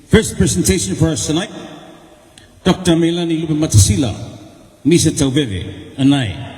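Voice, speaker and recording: A man's voice: on the high side, moderate pace, a little mellow. A man with a Samoan accent makes formal, respectful announcements as master of ceremonies at a meeting. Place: large echoing indoor venue. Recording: echoey hall with long reverb.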